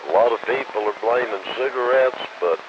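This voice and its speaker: A man's voice: mid-range voice, brisk. A man chatting casually as an amateur radio operator over a crackly walkie-talkie style transmission. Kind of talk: casual two-way radio chat. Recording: dull two-way radio with clear static.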